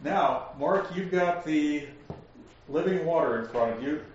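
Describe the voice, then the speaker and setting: A man teaching a Bible study, explaining verses slowly and asking his class questions. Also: a little high, lively intonation, a little hiss or hum. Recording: echoey room, distant lo-fi mic.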